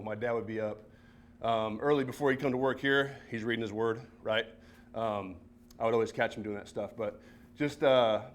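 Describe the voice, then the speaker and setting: A man in his early forties, a high school football coach, giving a personal talk at a seminar in a church, chatting with many fillers and tag questions. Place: church meeting room.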